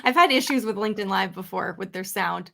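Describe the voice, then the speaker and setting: A woman's voice: mid-range voice, a little fast, vocal fry, a bit bright. A woman hosting a live online interview, her audio crackling on the line as she checks that she can be heard. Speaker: host. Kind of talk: casual live-stream interview chat. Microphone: online call from a remote mic.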